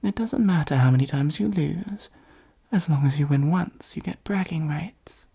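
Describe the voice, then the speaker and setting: A performer voices a supervillain for ASMR roleplay in a soft, dark, creaky, breathy near-whisper at mid pitch and normal speed. He's a theatrical, gloating villain who monologues pompously with sardonic asides, sounding exasperated and sardonic while secretly fond of the hero.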